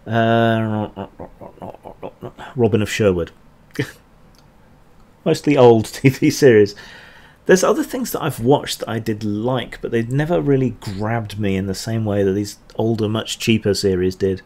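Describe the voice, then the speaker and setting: A man hosting a casual livestream Q&A. His voice sits fairly low, and he meanders through answers with frequent ums and a dry, offhand humour. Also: a little slow, a little mellow. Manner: rambling, hesitant with many ums, dry asides. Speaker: channel host answering chat questions.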